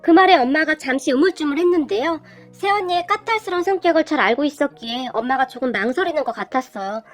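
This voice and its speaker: A woman reading an online story aloud as expressive first-person storytelling. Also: high voice, fast talker. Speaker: story reader. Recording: faint background music.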